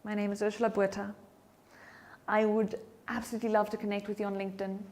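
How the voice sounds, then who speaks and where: A woman delivers a motivational talk at a middle pitch, with an expressive, varied delivery. She shifts her pitch and loudness for emphasis. At times she sinks to a near whisper to guide slow breathing. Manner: drops to soft whispers when demonstrating breathing. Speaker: keynote speaker and voice coach.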